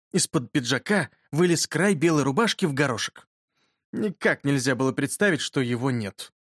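A man reading a funny children's story aloud, with expressive storytelling. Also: a little high, breathy edge, no echo, clean studio sound. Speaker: reader.

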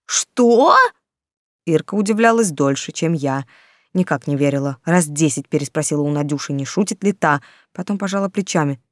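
A woman reading a first-person story aloud in a lively, conversational way. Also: low voice, a little fast, dry recording, clean studio sound. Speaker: audiobook narrator. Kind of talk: first-person audiobook narration.

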